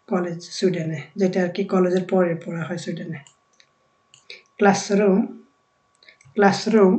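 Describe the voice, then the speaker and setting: Woman from bangladesh teaching words, says each one slow twice then explains, mellow warm voice. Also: medium pitch, poor audio. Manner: repeats each word slowly, then explains it. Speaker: language teacher. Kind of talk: vocabulary lesson.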